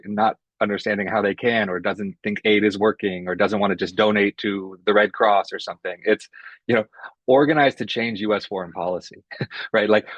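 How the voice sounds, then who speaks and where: A man's voice: fairly low pitch, no echo. A man researcher speaking as a panelist in an online discussion, conversational and tagging his points with "right?". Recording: dull, dry webinar audio.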